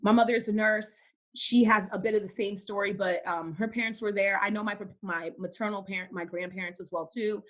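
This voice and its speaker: A woman's voice: medium pitch, fairly even intonation, fairly quick. A young woman from Cameroon, a podcast guest in casual faith-based conversation, who speaks emphatically and repeats words for stress.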